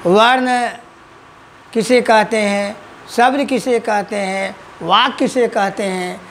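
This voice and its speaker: A man's voice: high voice, fairly even intonation, slow, fairly bright tone, slight background noise. A male school teacher giving an online grammar lesson, repeating his own questions and answers for students.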